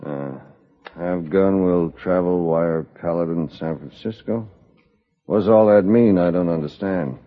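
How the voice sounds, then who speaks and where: An actor playing a gruff, folksy middle-aged male railroad superintendent in an old radio drama, brushing off warnings. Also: low-pitched, unhurried. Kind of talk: 1950s radio drama acting. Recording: muffled old radio broadcast.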